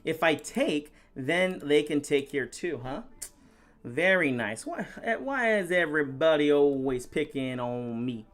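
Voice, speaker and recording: A man's voice: on the high side, sing-song, measured pace, a bit bright. A man giving live-stream chess commentary, thinking aloud move by move and chatting with viewers.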